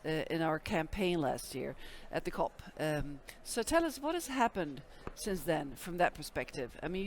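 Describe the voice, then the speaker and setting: A woman's voice: fairly low pitch, a little hiss or hum. A woman hosting an interview, often repeating words as she looks for them. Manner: warm-hearted, repeats words while finding them. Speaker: host. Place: busy conference venue.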